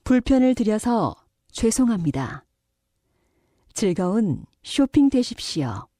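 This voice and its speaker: A woman's voice: medium pitch, sing-song, takes it slowly, mellow, no echo, studio quality. A woman reading scripted public announcements for a language listening test in a polite, formal, carefully enunciated way.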